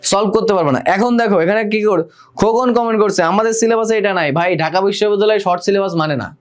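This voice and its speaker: A young man runs a live online exam-prep class. His voice sits high for a man. He fires the same question again and again, then answers it himself and reads out students' comments. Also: fast talker. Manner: quizzing, repeats questions, reads viewer comments aloud. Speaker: admission test tutor.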